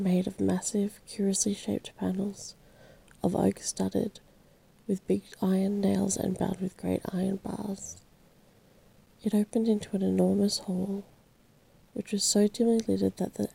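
A woman reading a classic novel aloud slowly and softly as a whispered role-play bedtime story. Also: mid-range voice, vocal fry, husky, low-quality recording. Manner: slow, soft bedtime reading.

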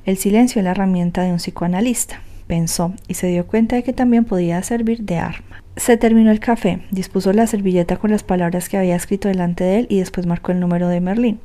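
A woman narrating an audiobook in a steady, measured way. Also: medium pitch. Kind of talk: scripted narration.

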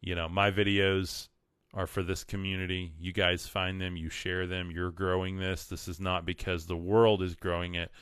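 A man speaks in a deep, smooth voice with a West Texas twang. He hosts a casual livestream, earnest and emphatic, repeating words to drive them home. The sound is close and dry. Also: flat delivery, moderate pace, fairly bright tone, no echo. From West Texas, United States. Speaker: livestream host. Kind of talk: casual livestream monologue with read-out comments and quotes.

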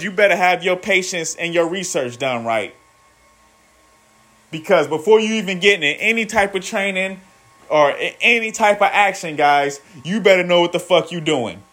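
A man in his thirties talks loosely to his viewers in a profane motivational vlog. He rambles, repeats himself, and keeps calling them "guys". His voice sits a little high for a man. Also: a bit bright. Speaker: vlogger. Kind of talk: casual motivational monologue.

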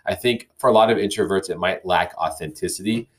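Low-voiced reflective male podcaster. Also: fairly quick. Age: young adult or middle-aged, parent. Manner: reflective, reads listener emails aloud with frequent restarts. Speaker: podcast host. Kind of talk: casual solo podcast talk.

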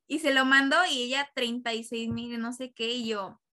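Female podcast co-host, casual banter, high bright tone, teasing, dryly ironic. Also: steady tone, moderate pace. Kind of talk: casual chat between podcast co-hosts.

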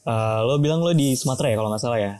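Mellow man in a dry recording. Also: medium pitch, rapid-fire, no echo. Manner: relaxed, slangy recounting. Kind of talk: casual chat.

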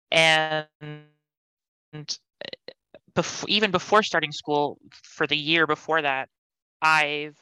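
Smooth low-voiced young woman, earnest. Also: sharp tone, no room sound, poor audio. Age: young adult. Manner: earnest, articulate, thoughtful. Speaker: podcast guest. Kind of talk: casual conversational interview.

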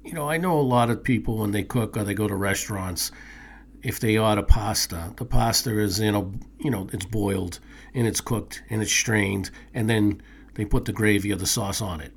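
Man, food show co-host, rambling enthusiasm, gravelly husky voice. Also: on the low side, moderate pace. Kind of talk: casual chat.

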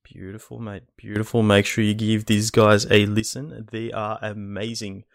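A man's voice: on the low side, completely flat delivery, moderate pace, gravelly, no room sound, clean studio sound. A man hosting a podcast in a casual, matey, complimentary chat style. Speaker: podcast host.

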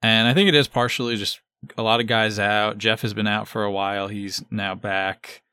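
A man's voice: fairly low pitch, steady tone, moderate pace, bright, forceful tone, clear, resonant tone, dry recording, clean studio sound. A man giving casual sports analysis as a podcast co-host.

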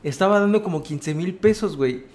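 A man's voice: sits high, animated, a little mellow. Mexican male host with slangy reactions. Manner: slangy, reacts with quick interjections. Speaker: host asking questions. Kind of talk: casual chat.

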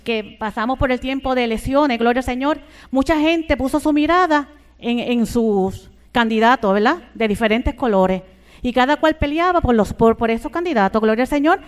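A woman's voice: a little high, animated, moderate pace, clear, resonant tone. An older Puerto Rican woman preaching a sermon, who fills every phrase with fervent church exclamations and asks her listeners for agreement.

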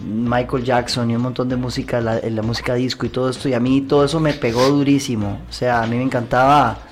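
A man in his forties with a Costa Rican accent, a guest musician answering in a relaxed casual interview with some hesitant fillers. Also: medium pitch, fast, over music. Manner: easygoing, laughs, hesitant fillers.

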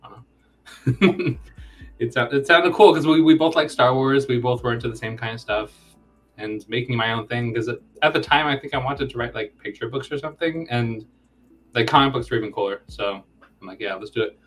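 A man's voice: mid-range voice, moderate pace, fairly bright tone, faint music behind. A man of about thirty, a guest in a casual interview, rambling and joking at his own expense. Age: 30s. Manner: rambling, self-deprecating joking. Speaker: comic co-creator, guest.

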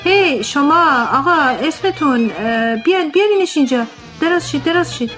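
A woman's voice: high voice, lively intonation, voice pushed up, low-quality recording. A woman voicing an impatient, commanding male surgeon professor in a read-aloud story, with music behind her.

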